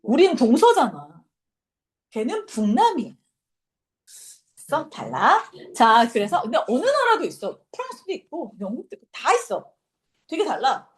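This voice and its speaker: Lively woman teacher quizzing her class. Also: high voice, unhurried, long pauses. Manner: lively, quizzing students, casual banter. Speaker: English teacher. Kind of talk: classroom lecture.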